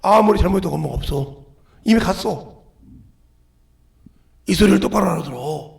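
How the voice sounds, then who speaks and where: A man preaching a sermon with shouted peaks and sudden hushed drops, acting out a crying child and God's voice. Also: high voice, expressive, moderate pace, creaky. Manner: acts out a crying child and God's voice in quoted asides. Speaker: pastor. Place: church sanctuary. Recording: echoey church livestream.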